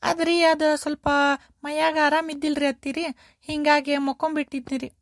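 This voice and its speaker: A woman's voice: high-pitched, level tone, normal speed, no echo, clean studio sound. A woman voicing a polite young daughter-in-law in a cartoon, pleading respectfully in a North Karnataka accent. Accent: North Karnataka Kannada.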